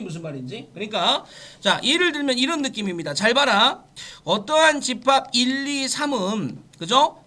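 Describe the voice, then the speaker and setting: A man's voice: high voice, pushed and bright. A man teaching a math lesson, talking students through each step and checking often that they follow. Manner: checks understanding with quick questions, mixes polite and casual speech. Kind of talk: classroom math lecture.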